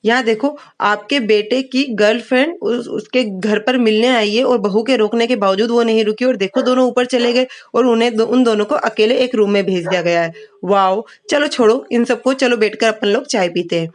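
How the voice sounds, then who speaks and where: A woman's voice: fairly high pitch, normal speed, natural voice. Woman reading a snooty sarcastic rich mother-in-law.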